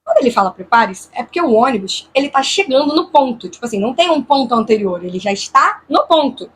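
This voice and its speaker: A woman from Brazil talks straight to her audience in a casual vlog, telling a scary story in an animated, tense way. She keeps voicing her own inner thoughts as she retells it. Her voice sits high and comes out airy and breathy. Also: quick pace. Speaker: vlogger.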